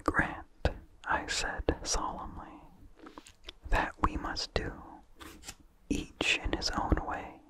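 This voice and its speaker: This ASMR narrator reads a vintage horror story in a fully unvoiced, breathy whisper that still sounds pushed and bright. The delivery is slow and deliberate, with measured phrasing. Incidental mouth sounds come through on the close microphone.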